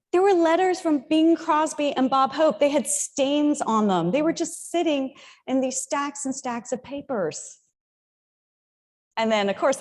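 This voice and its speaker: A woman in her fifties tells a motivational story from a stage, chatty and personal, with joking asides to the crowd. Her voice rings out with a long reverb tail in a large old theater. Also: high-pitched. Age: 50s. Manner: lively, personal storytelling with humorous asides to the audience. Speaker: keynote speaker.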